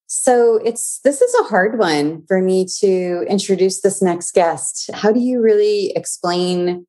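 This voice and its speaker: A woman's voice: sits low, a little mellow. A woman hosting a podcast, introducing her guest with eager, gushing enthusiasm. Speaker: podcast host. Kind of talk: casual interview chat.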